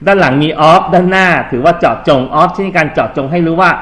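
Slow, patient Thai man teaching English. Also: high-pitched, a bit bright. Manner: patient, reads English sentences slowly, coaxing students. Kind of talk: classroom exam review lesson.

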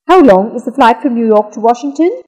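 A woman reading the lines of a scripted English lesson dialogue, slowly and with careful enunciation. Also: fairly high pitch, expressive, darkish tone, big-room sound. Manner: slow, careful, clearly enunciated delivery.

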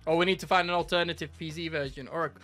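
A man's voice: on the high side, fairly even intonation, racing, a bit bright, faint music behind. A man in his twenties chatting casually and reacting to clips, with sweary, laddish banter. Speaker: streamer reacting to video clips. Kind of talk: casual chat and reaction commentary.

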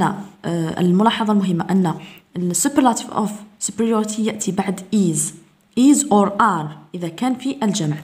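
A woman's voice: medium pitch, a little mellow. A woman English teacher giving an exam review lesson, explaining grammar rules step by step and answering her own questions.

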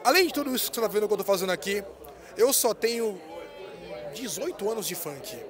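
A man's voice: sits high, lively intonation, fast talker. A man in his thirties interviewing a guest at an indoor music fair with a handheld mic, talking in a hyped, slangy, joking way. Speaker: interviewer host. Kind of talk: casual event interview.

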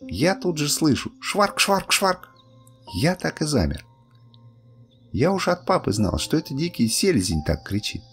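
An older man narrating a bedtime story in a lively, expressive way. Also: a little high, moderate pace, husky, faint music behind.

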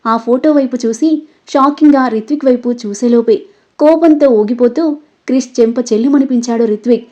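High-voiced woman storyteller. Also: a little fast, dark tone. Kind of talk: storybook narration. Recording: dull lo-fi recording.

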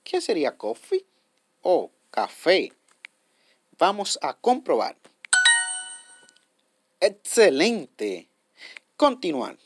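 A man's voice: sits high, huge pitch swings, slow, creaky, pauses often, slight background noise. A man hosting a step-by-step app tutorial. He explains patiently, repeats himself, and keeps checking in with his viewers. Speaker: tutorial host.

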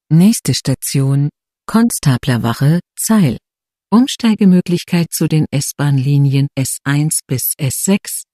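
This is a subway announcer with a mellow, medium-pitched voice. The delivery is formal and slow, with station and transfer details in neatly segmented, scripted phrases. The sound is dry and close. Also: no echo.

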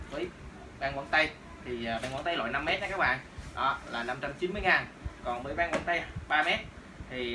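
A man's voice: medium pitch, noisy background. Young man showing shop gear, roomy distant audio. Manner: casual, many fillers and repeated "đó". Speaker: martial arts shop presenter. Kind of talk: product demo. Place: small room in a shop, indoors. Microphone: camera on tripod a few meters away.

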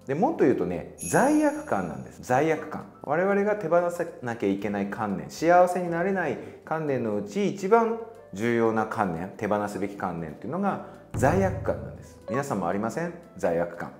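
Lively storytelling man, echoey room. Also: moderate pace, hardly any pauses, faint music behind. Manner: lively storytelling, acting out dialogue in a high voice. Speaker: spiritual channel host. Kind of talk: casual spiritual talk to viewers.

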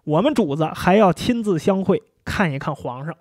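A man voicing a courteous enemy general who speaks in a polite, ceremonious and flattering way. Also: sits high, moderate pace, no echo, studio quality.

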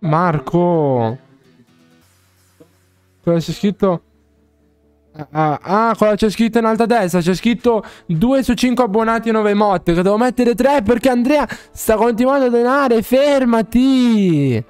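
A man streaming a game live, chatting casually with viewers, excitable and playfully pleading, often laughing. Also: sits high, moderate pace, smooth, no room sound, faint music behind.

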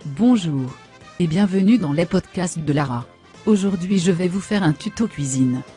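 A woman's voice: lowish voice, animated, moderate pace, dark tone, faint music behind, lightly acted. A woman voicing a vain, foul-mouthed young woman, brash and insulting in comic machinima. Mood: bossy. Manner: brash, insulting, self-satisfied.

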